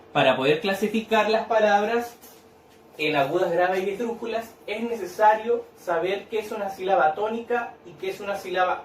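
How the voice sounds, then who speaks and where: A high-voiced man teaches slowly and patiently, stretching out words. He sounds set back from the mic in an echoey room with faint noise behind him. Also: far from the mic. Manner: patient, repeats and claps out syllables, tag questions. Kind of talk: recorded lesson explaining a worksheet.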